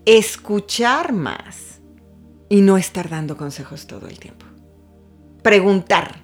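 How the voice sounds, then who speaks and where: Animated woman telling stories. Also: mid-range voice, slow pace, soft background music. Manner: animated storytelling, acts out quotes. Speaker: guest. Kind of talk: casual chat.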